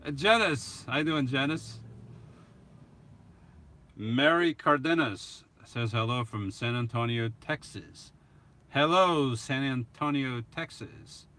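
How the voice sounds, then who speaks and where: A middle-aged man with a foreign accent hosts a YouTube channel and answers his live chat casually. His medium-pitched voice is slow with a sharp tone, and he rambles, chuckles, and keeps restarting sentences with small laughs.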